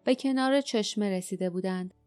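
Woman narrating an audiobook over soft music. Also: medium pitch, clean tone. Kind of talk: scripted narration.

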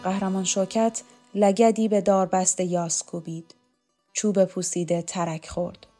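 A woman narrating a novel as an audiobook, in a calm, measured way. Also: mid-range voice, faint music behind.

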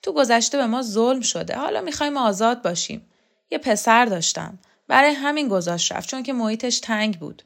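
A woman's voice: a little high, expressive, gravelly, a bit bright, voice pushed up. A woman reader voicing a complaining old man who grumbles about being mistreated. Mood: grumbling.

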